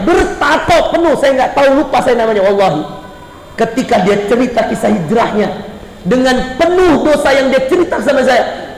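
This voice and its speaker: High-voiced preacher in an echoey mosque. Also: male voice, slight background noise. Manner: fervent, rises to emphatic high repetitions, drops low and soft when moved. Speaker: ustadz, preacher. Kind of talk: mosque sermon. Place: mosque hall. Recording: echoey mosque hall, faint ambience.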